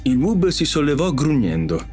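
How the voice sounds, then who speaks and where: A man narrating an audiobook story in an expressive, animated way. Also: a little high, moderate pace. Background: faint music.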